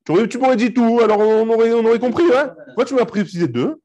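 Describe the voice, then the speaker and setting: A man's voice: very high-pitched, fast talker, dark tone. A rabbi teaching a live Talmud class, explaining step by step, mixing in Hebrew and Aramaic terms and checking with his students.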